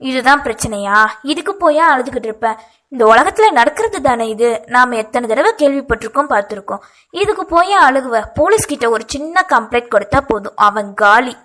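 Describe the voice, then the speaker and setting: A woman narrator voicing a bold, bossy young woman who presses hard with brisk, insistent questions. Her tone sits a little high, and the storybook reading stays light and quick. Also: animated, a bit bright.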